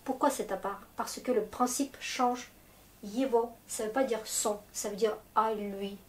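A woman's voice: on the high side, fairly even intonation, unhurried. A woman teaching a language lesson in French, explaining patiently step by step. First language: Russian. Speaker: Russian teacher. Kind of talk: slow, clear language lesson.

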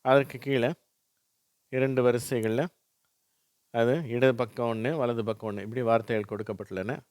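A man's voice: medium pitch, flat delivery, a little mellow, clear, resonant tone, no room sound, clean studio sound. A man teaching English phonics, reading single words aloud for learners to repeat. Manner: slow, drilling words with a pause after each.

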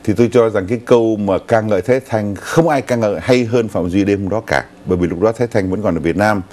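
A man's voice: lowish voice, fast talker, a little mellow. An older man co-hosting a news talk show in a TV studio, recounting stories unhurriedly with some fillers.

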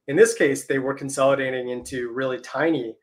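A man's voice: medium pitch, fairly even intonation, brisk. Man explaining market charts on a livestream. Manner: explanatory, walks through charts on screen. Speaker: crypto market analyst.

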